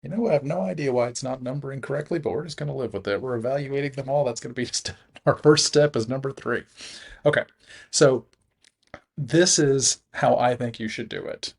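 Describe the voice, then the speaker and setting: Relaxed male math teacher explaining steps. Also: medium pitch, brisk, gravelly, breathy edge. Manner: relaxed, self-correcting, chuckles at slips. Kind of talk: recorded math lesson.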